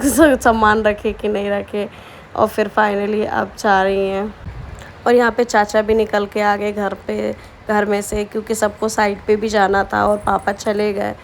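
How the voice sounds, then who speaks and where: A young woman from Bihar chatting casually to her viewers in a daily vlog, teasing and talking directly to them. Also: mid-range voice. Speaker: vlogger. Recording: faint background noise.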